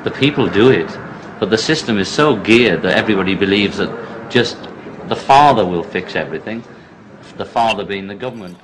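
A man's voice: fairly low pitch, animated, brisk, a crowd in the background. A man giving casual political commentary in an earnest, conversational way, phrase by phrase, on a noisy archive recording. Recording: noisy archive clip with background ambience.

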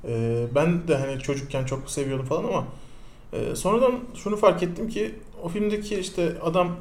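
A man's voice: a little high, fairly quick, roomy sound. A young man talking casually as a podcast co-host, chatty and teasing, ready to argue his point. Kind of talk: casual chat.

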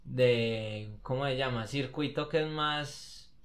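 Relaxed young man chatting. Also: mid-range voice, takes it slowly. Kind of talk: casual chat about freestyle rap battles.

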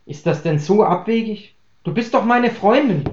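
A man's voice: high voice, expressive, normal speed, darkish tone, a little hiss or hum, pitched above the performer's own voice. A man reading aloud, voicing a lonely, curious young woman who stubbornly pleads to be let in. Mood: pleading. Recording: roomy, dull lo-fi recording.

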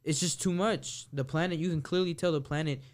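A man's voice: fairly high pitch, fairly even intonation, fairly quick. A young man chatting casually with friends, earnest and slangy as he argues his point. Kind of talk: casual group chat.

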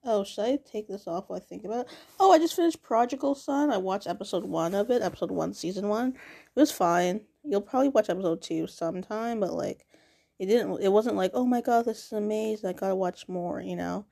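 Gravelly young woman rambling casually. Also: medium pitch, lively intonation, a little fast, dark tone. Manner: rambling, full of "like" fillers and swearing. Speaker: vlogger. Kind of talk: casual rambling diary monologue.

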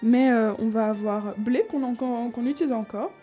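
A woman's voice: a little high, moderate pace, dark tone, lo-fi sound, faint music behind. A woman host in casual chat, listing old slang words with amusement and frequent laughs.

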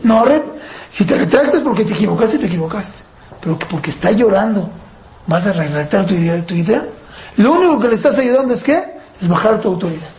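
A woman's voice: medium pitch, animated, a little fast, a little mellow. A woman teaching a parenting class, asking the class rhetorical questions and acting out parent-child dialogue. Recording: roomy echo, faint background noise.

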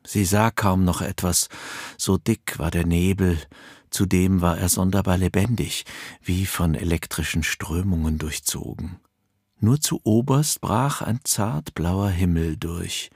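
A man reading a story aloud as audiobook narrator, measured and deliberate. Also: low voice, darkish tone, no echo, clean studio sound. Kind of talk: scripted narration.

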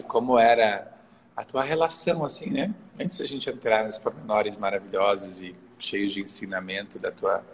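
A man hosting a live online interview, effusive and full of fillers and restarts. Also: fairly low pitch. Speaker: host. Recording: hall reverb, faint ambient noise.

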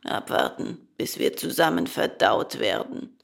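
A woman voicing a calm, resigned old male dolphin with a hoarse voice. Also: natural voice. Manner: calm, unhurried.

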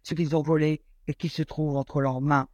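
A man voicing a large, gentle talking brown bear in a read-aloud fairy tale, speaking in a calm, friendly way. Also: fairly high pitch, normal speed, dry recording, close to an everyday voice.

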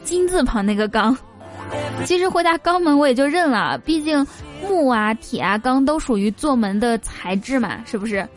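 A woman's voice: high-pitched, animated, moderate pace, soft background music. A woman hosting a comedy show in a casual monologue, chatting directly to listeners with teasing questions.

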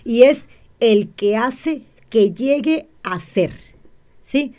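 Dark-voiced woman explaining. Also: fairly high pitch, lively intonation, extremely slow. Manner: keeps checking in with "¿sí?" and asks rhetorical questions. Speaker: interview guest, self-described witch. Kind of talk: explanatory interview talk.

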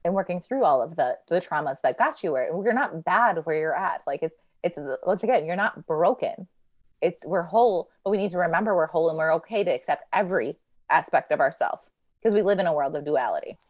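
A woman's voice: fairly low pitch, lively intonation, brisk, dry recording, highs cut off. A woman guest on a podcast, talking in an earnest, reflective way with many fillers. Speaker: podcast guest, healing coach. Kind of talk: casual podcast chat.

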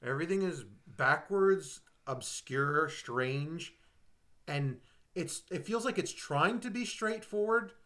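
A man's voice: fairly high pitch, expressive, slow, sharp tone. A man co-hosting a movie podcast, rambling through an exasperated, casual critique of a film. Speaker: podcast co-host. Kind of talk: casual movie review chat.

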